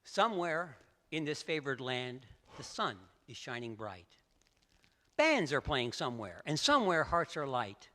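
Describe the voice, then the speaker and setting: A male storyteller giving a theatrical poetry recitation, swinging from hushed lines to loud outbursts in a large assembly hall. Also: mid-range voice, very animated, measured pace. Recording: echoey hall.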